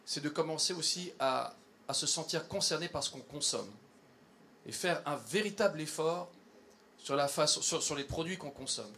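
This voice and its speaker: A man speaking at a public event, earnest in tone and pausing often with fillers and restarts. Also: on the high side, bright, forceful tone, a little hiss or hum. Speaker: environmental campaigner addressing company staff. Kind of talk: public talk to an audience.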